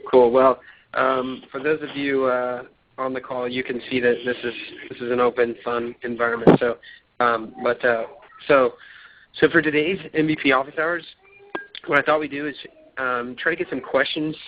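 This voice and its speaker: A man's voice: medium pitch, steady tone, normal speed. Upbeat man hosting a conference call. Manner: loose, upbeat, many fillers and restarts. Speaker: host of a community conference call. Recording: slightly dull line with faint noise.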